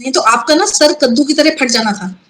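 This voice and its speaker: A woman guest telling a personal story in an interview, earnest and halting, often restarting her sentences and mixing in English words. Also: high voice, a bit bright, rough recording. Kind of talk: personal testimony in a conversational interview.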